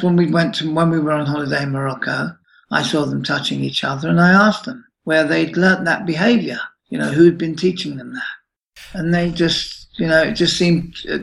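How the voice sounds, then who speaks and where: A man in his late fifties, recounting a troubling experience in a halting interview answer with many restarts. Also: on the high side, creaky, a bit bright, low-quality recording. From United Kingdom. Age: 50s. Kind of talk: emotional personal account.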